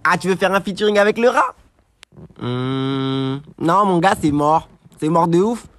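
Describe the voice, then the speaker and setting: Scheming young hustler, as a man plays him, boastful, wheedling, slightly high voice. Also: lively intonation, unhurried, a bit bright. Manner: boastful, wheedling street slang. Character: scheming streetwise young man called the rat. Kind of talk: comedy sketch acting.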